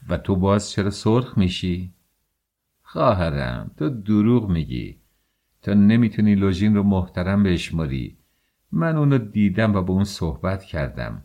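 A man voicing a bitter, feverish young man who speaks scornfully and in low mutters. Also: dark tone.

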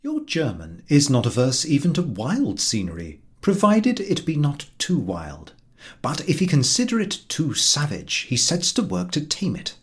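A mid-range male voice carries this audiobook of a humorous book. The storytelling stays expressive and unhurried.

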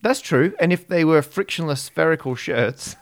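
A man's voice: on the high side, expressive, moderate pace. A man with an Australian accent talking casually as a podcast co-host. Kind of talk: casual chat.

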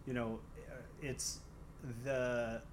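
A man's voice: mid-range voice, flat delivery, slow pace. Casual male talker, Michigan Great Lakes accent, rambling and dryly funny, noisy ambient recording. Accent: Michigan, Great Lakes American. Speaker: stand-up comedian guest. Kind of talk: casual chat.

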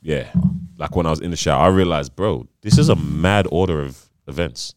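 A man's voice: a bass voice, brisk, no echo, clean studio sound. A man co-hosting a podcast in casual banter with friends, talking in slangy, laddish bro speak. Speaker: podcast co-host.

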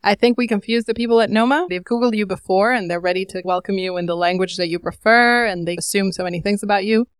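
A woman's voice: medium pitch, fast talker, few pauses, clean tone, dry recording, studio quality. A woman, a podcast correspondent, telling a wry story in a chatty way.

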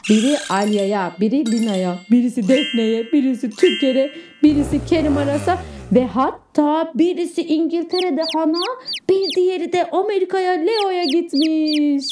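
A woman kindergarten teacher reading a storybook aloud to young children, expressive and animated, with big swings in pitch. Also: moderate pace, over music.

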